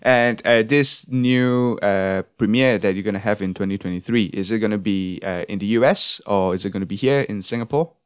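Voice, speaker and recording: A man hosts a podcast interview over a video call, with a low, smooth voice. The sound is dry and close. He talks in a relaxed, chatty way and laughs easily. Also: fairly quick, few pauses, dry recording. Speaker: podcast host.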